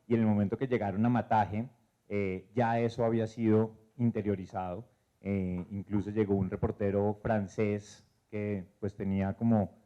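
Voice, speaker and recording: A man speaking on a panel, measured and hesitant with many fillers. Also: on the low side, flat delivery. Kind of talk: panel discussion. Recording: dull lo-fi event recording.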